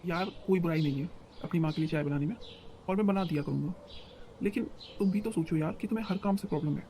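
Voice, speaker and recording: A man's voice: fairly high pitch, fast, dark tone, slight background noise, lightly acted. A man voicing an exasperated young husband in a cartoon story, reasoning with his frustrated wife.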